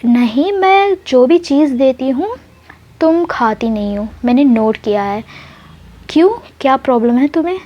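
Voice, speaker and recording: Woman as a direct, insistent young student girl, slightly high voice, muffled lo-fi audio. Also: animated, a little slow.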